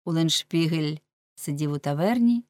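A woman narrating an audiobook in a measured, steady way. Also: sits low, no echo, studio quality.

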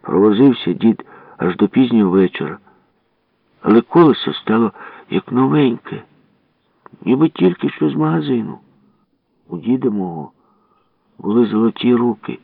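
A man's voice: medium pitch, moderate pace, vocal fry, pauses often, husky, dry recording. Man reading a story over tinny radio. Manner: animated, dramatic storytelling. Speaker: narrator. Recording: tinny phone-like radio broadcast.

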